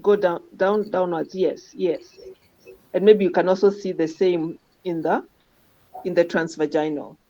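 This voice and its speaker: Guiding a trainee, a radiology teacher comments casually on scan images, often ending remarks with a questioning "huh?" She has a lowish, mellow voice, a steady tone and a measured pace. Audio quality is dull and lo-fi.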